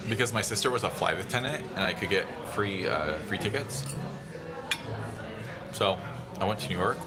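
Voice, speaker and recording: A man in his thirties, hosting a casual phone livestream, rambling in a relaxed way and answering viewer chat. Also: lowish voice, normal speed. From San Diego, USA. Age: 30s. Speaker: livestream host. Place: busy restaurant indoors. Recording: phone audio with busy restaurant chatter. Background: restaurant crowd chatter.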